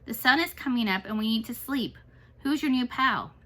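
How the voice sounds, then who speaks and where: A woman voicing a lazy, grumpy young male possum in a read-aloud storybook, sounding drowsy and gruff. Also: a little high, animated, moderate pace, fairly bright tone. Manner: drowsy and gruff, turning growly.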